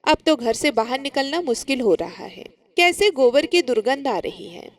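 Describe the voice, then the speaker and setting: A woman's voice: sits high, animated, normal speed, dry recording. A woman voicing a scornful, irritable young daughter-in-law in a told story. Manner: irritated, scolding.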